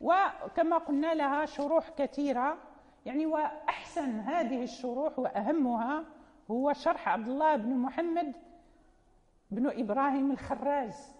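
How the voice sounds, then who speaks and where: A woman's voice: high-pitched, moderate pace, darkish tone. A woman teaching Quran recitation in a lecture, speaking Arabic with a Moroccan accent, explaining patiently with fillers and self-corrections. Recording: muffled sound with long hall reverb.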